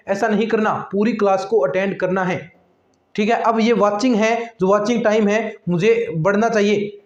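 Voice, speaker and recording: A man with a high voice teaches maths to his online students, chatting and repeating himself as he explains. His voice carries around an echoey classroom, and the sound is a little dull. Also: a little mellow. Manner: chatty and repetitive, addresses students as friends and lectures them about attendance. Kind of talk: online exam-prep lecture.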